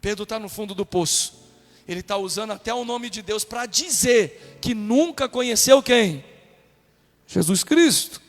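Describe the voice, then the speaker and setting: High-voiced Brazilian pastor preaching in a hall. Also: male voice, unhurried. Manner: animated preaching, acts out quotes in raised voice. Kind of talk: sermon. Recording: long hall reverb with faint music.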